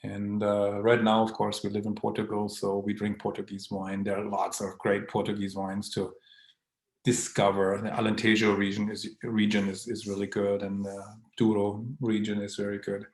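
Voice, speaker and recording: A man's voice: on the low side, monotone, normal speed, reverberant. A man hosting a casual live online Q&A. He reads viewer comments aloud, greets people by name, and chuckles often.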